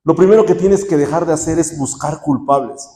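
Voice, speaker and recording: Impassioned pastor, mellow voice. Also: male voice, a little high. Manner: impassioned preaching with sudden soft, slow drops. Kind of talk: sermon. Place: rehab center visiting-day talk.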